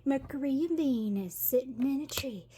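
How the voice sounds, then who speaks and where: A middle-aged woman from Tennessee, Southern accent and all, does a casual tarot reading to camera, filling it with giggles and fillers. She speaks at normal speed in a mellow, high-pitched voice.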